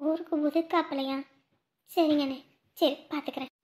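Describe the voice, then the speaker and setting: A woman voices a remorseful village woman fresh out of jail. Her voice sits very high and light, and she breaks into wailing laments over her lost fortune. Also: fairly even intonation, moderate pace, darkish tone, lightly acted. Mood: meek. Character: aging woman just out of jail, remorseful, tearful. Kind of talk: village drama voice acting.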